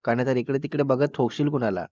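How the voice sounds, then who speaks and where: A man acting a protective young man in an audio romance, calm and firm as he soothes his girlfriend but will not back down. His medium-pitched voice sounds dry and a bit muffled. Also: quick pace, dry recording, close to an everyday voice.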